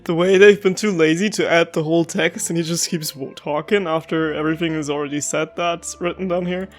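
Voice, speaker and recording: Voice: medium pitch, fairly even intonation, fairly quick, soft background music. A gaming streamer giving casual, informal commentary, reacting aloud while playing.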